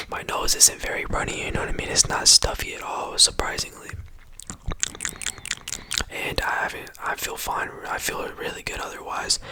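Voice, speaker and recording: A whispering ASMR creator rambling casually and repetitively in slangy speech, close to the microphone. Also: low-quality recording. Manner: slangy, repetitive, rambling, often saying bro and you know.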